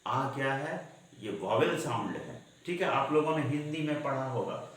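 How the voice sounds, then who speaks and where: A man teaching an English grammar lesson, speaking slowly and deliberately and often asking questions that he then answers himself. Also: medium pitch, animated, fairly bright tone. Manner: slow and deliberate, asks and answers his own questions. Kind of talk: classroom-style lesson explaining grammar. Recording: very echoey room.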